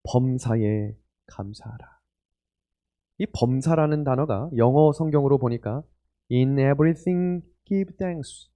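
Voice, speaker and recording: A man's voice: medium pitch, warm tone. A man in his forties preaching a sermon, telling a personal story and putting questions to his listeners in an earnest way. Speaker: pastor. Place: church hall or retreat meeting room.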